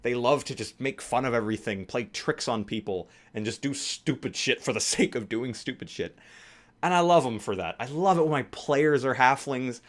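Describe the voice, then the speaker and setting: A man's voice: medium pitch, normal speed. A man talking casually to camera as a tabletop game YouTuber and game master, rambling and enthusiastic, often correcting himself mid-sentence.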